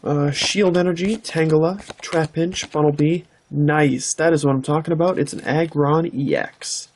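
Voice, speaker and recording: A man hosting his channel, chatting casually off camera while opening trading card packs and breaking into excited exclamations. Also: on the high side, moderate pace. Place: indoors, filming from behind the camera.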